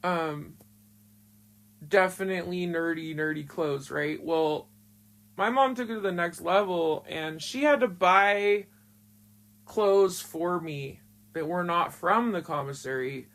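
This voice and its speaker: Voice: mid-range voice, slow, a bit bright. A speaker with a disguised voice tells a story from their own past in casual spoken style. They talk bluntly and frankly, with frequent swearing. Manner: blunt and frank, swears often, emotional retelling.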